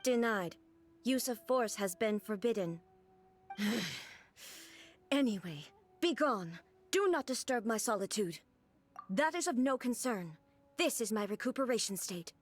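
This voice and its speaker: A woman voicing a cold, artificial ruler in a game cutscene, speaking in a flat, formal, commanding way. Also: on the high side, unhurried, pauses often.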